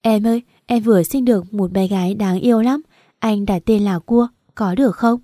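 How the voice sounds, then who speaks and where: A woman's voice: medium pitch, moderate pace, warm tone, dry recording, clean studio sound, close to an everyday voice. A woman voicing a young husband who begs his unconscious wife to wake up, in a tearful, pleading manner.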